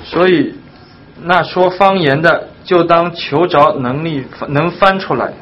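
Man, high voice, reading scripture aloud, steady and even, muffled recording with faint hiss. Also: unhurried. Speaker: scripture reader in a Bible study.

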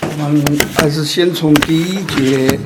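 A man leading a Bible study, talking slowly and hesitantly with many fillers. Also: fairly high pitch, fairly even intonation, heavy background noise.

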